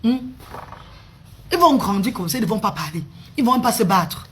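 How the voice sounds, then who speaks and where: Woman, live-stream host, mid pitch, affectionate repetitive delivery, faint room noise. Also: big pitch swings, fairly quick. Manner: repeats words, calls viewers pet names. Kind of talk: casual live-stream talk to viewers.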